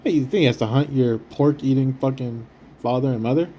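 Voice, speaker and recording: Very dark-voiced man preaching quietly. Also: medium pitch, a little hiss or hum. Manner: rambling, profane, stammering restarts; deliberately speaking quietly. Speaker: street preacher. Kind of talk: casual preaching monologue. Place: hotel room.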